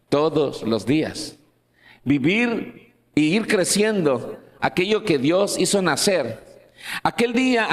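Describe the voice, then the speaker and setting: A male pastor delivers an earnest sermon, drawing out key phrases and restarting sentences as he goes. His voice sits fairly high for a man. The sound carries a long reverb, as in a church hall.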